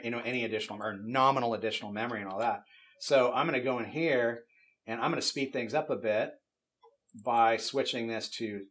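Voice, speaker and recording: A middle-aged man casually walking through a software tool demo in an office, explaining as he goes with frequent fillers. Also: mid-range voice. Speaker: game studio technical artist demonstrating tools. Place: office at a desk with monitors.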